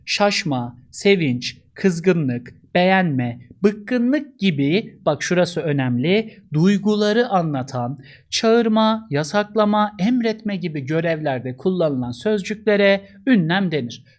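A man's voice: high-pitched, animated, slow. A young man teaching a grammar lesson in a chummy, big-brotherly way, acting out example sentences with animation. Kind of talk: casual exam-prep lesson.

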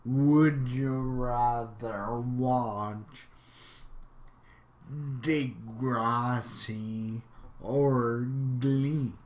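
Very slow-talking casual man. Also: medium pitch, fairly even intonation, darkish tone. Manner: reads questions aloud, then answers offhand. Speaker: YouTuber. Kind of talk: casual gameplay commentary.

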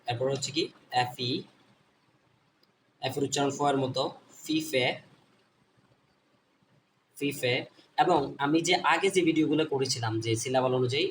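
Bangladeshi guy teaching kids' english sounds, repeats stuff, asks then answers himself, bit far from the mic. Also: medium pitch. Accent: Bangladeshi Bengali. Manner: repeats points, asks and answers own questions. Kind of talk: online phonics lesson. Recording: voice a bit off-mic, faint background noise.

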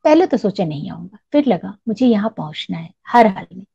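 A woman's voice: mid-range voice, very animated, fairly quick, vocal fry, mellow, slightly rough, full character voice. A woman reading a shy earnest young man. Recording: dull lo-fi recording.

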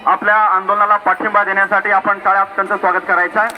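A man's voice: high voice, little pitch movement, fast, lo-fi sound. A man formally introducing a speaker as a rally announcer. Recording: noisy outdoor crowd.

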